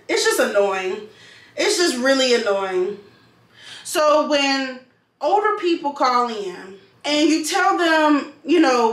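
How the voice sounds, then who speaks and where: A woman's voice: high-pitched, fairly bright tone. A woman venting casually to camera, emphatic and repeating phrases for stress. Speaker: vlogger and call center customer service worker. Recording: echoey room.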